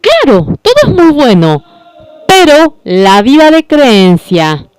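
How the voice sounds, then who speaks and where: Slow, clear-voiced sermon interpreter. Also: sits high, wildly swooping pitch, no echo. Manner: slow, repetitive phrasing with self-corrections.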